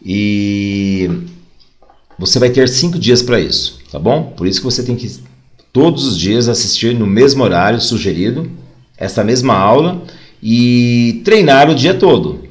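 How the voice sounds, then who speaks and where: A man with a Brazilian Portuguese accent teaching an online English lesson, drilling phrases slowly and then explaining casually. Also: on the low side.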